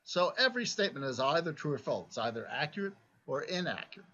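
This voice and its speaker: A man's voice: a little high, big pitch swings, fast talker, pushed and bright. A man giving a recorded philosophy lecture, explaining step by step and often checking in with "right?". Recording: dull lo-fi recording.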